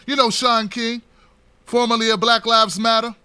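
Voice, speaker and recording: A man giving an unscripted political commentary, talking straight to the camera, impassioned and preachy, building to near-shouts. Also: extremely high pitch, level tone, normal speed, smooth, no room sound.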